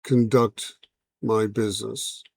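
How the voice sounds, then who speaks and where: A man voicing a calm, solemn alien envoy. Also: on the low side, vocal fry, husky, no echo, full character voice. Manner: measured, formal, unhurried speech.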